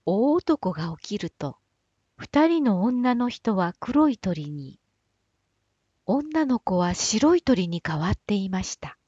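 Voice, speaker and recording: A woman reading a fairy tale aloud in a slow, gentle, breathy storybook manner. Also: medium pitch, sing-song, no room sound. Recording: dull, dry, slightly lo-fi recording.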